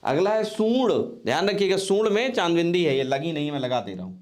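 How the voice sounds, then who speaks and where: A man teaching spelling for exam preparation, slowly repeating each word several times as he writes it out. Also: a little high, expressive, darkish tone. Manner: dictation-like drilling of correct spellings. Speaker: Hindi grammar teacher. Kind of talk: exam-prep board lesson.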